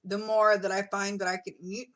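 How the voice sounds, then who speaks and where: A woman's voice: mid-range voice, level tone, moderate pace, fairly bright tone. A middle-aged woman chatting casually in a video diary, with many fillers and restarts, sometimes talking while she eats. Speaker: vlogger.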